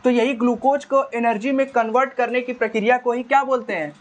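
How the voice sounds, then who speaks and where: A man's voice: very high-pitched, fairly even intonation, brisk. A male teacher giving a classroom biology lecture in a conversational style. He keeps asking short questions, answers them himself, and repeats the key terms.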